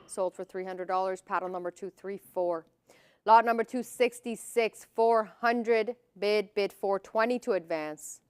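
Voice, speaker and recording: A woman's voice: medium pitch, measured pace. A woman working as an auctioneer, calling lots and bids in a formal, clipped, repetitive manner.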